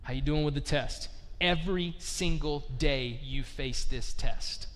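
A male pastor delivers a lively, conversational sermon and keeps putting direct questions to his listeners. His voice sits high for a man, and the recording carries a long reverb from a large hall. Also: a little slow. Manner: animated, conversational, poses questions to the congregation.

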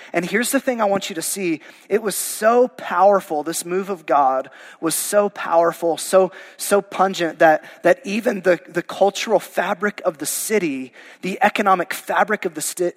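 Preaching through a passage verse by verse, a pastor keeps things conversational and informal even as his voice gives out. His voice sits high and echoes through a large hall, in a church sanctuary.

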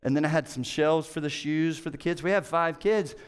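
A middle-aged man preaching a conversational sermon as pastor, telling stories animatedly and acting out quotes with sudden jumps in pitch. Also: brisk, smooth. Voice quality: hard of hearing.

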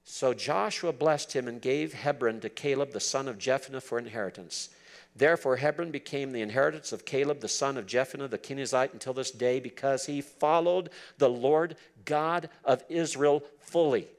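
A man of about seventy-something teaches from the Bible at a normal pace and medium pitch. He reads passages aloud, then earnestly explains what they mean, switching between the two throughout.

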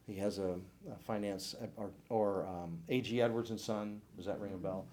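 Deep-voiced older man sharing testimony. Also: fairly even intonation, moderate pace, mellow, slight background noise. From St. Louis area, United States. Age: 60s. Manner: earnest, reflective storytelling. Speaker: church class speaker. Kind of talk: personal testimony talk.

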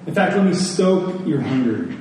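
Here the preacher's voice is slightly high and expressive with a darkish tone, moving at normal speed. Rhetorical questions and repeated phrases give his sermon emphasis, though the faintly noisy recording is distant and very echoey.

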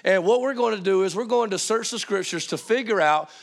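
A man's voice: sits high, a little fast, gravelly. A man preaching an informal teaching sermon, checking in with listeners through questions, his voice strained as it recovers from being lost.

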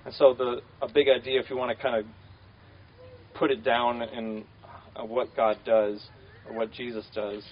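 A man's voice: mid-range voice, level tone, normal speed, highs cut off. A man preaching a conversational sermon, casual and full of fillers, repeating key phrases.

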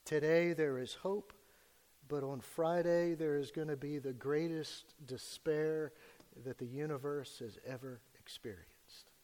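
A man preaches a sermon into a pulpit microphone. His voice sits somewhat high, and he leans on "uh" between phrases. The church around him gives a long, ringing reverb. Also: fairly even intonation, unhurried, a little mellow. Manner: preaching with many filler "uh"s, rising for emphasis. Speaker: pastor. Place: church sanctuary.

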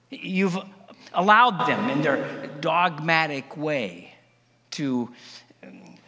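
A man's voice: sits high, vocal fry, pushed and bright, in a large hall, exaggerated voice. A man playing a stammering, sarcastic Apostle Paul. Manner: halting, stammering, heavy with irony. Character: Apostle Paul, male, reluctantly boasting, sarcastic. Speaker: actor in a first-person biblical monologue. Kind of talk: dramatic monologue to a congregation.

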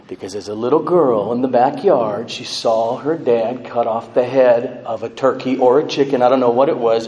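Slow, tender American man in an echoey hall. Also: mid-range voice, warm tone. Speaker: son giving his mother's eulogy. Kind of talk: eulogy speech at a memorial service. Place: large echoing room at a funeral service. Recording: echoey hall, faint background noise.

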